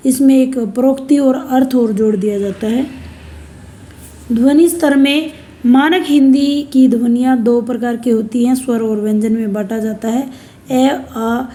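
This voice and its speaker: A woman teacher giving a recorded lecture to university students. She explains deliberately and lists examples one by one. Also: on the high side, steady tone, warm tone. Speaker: Hindi language teacher.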